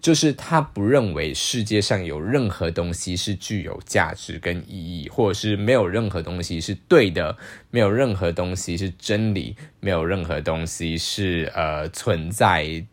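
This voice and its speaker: A man's voice: deep voice, moderate pace. A man hosting a podcast monologue, explaining ideas in an exasperated, sarcastic lecturing way. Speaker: podcast host.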